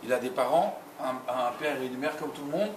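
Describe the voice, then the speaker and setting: A man's voice: medium pitch, brisk. A man, a rabbi, telling a story as a sermon, talking straight to his listeners and repeating phrases for emphasis. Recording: roomy, distant mic, noisy ambience.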